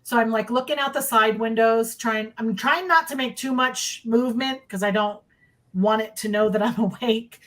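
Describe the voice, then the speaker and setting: On the high side and a bit bright, her voice moves at normal speed as she describes sightings she experienced. The middle-aged woman is chatting casually on a video call from a dim indoor room, repeating herself for emphasis.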